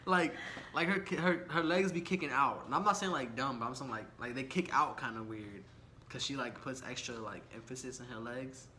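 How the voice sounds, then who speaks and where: A man's voice: medium pitch, normal speed, bright, forceful tone. Young man telling stories, laid-back and slangy. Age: young adult. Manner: laid-back, slangy and rambling, laughs often. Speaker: vlogger. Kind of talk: casual story time chat. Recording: background noise.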